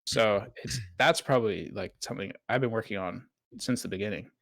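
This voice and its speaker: A man's voice: on the low side, brisk, fairly bright tone, dry recording. Candid male streamer, dry close sound. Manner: reflective, candid, with fillers and restarts. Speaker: streamer and guest. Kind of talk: casual interview chat.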